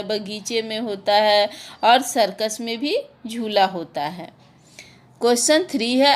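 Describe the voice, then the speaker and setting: A woman teacher patiently explaining a children's poem to pupils, slipping English words into her explanations. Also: on the high side. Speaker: school teacher.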